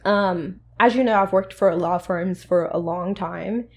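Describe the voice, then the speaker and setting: A woman's voice: lowish voice, a little slow. A young adult woman hosting a podcast, telling workplace stories in a casual, conversational way and acting out the quoted lines. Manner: conversational, animated, acts out quoted dialogue. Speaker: podcast host. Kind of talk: casual storytelling monologue.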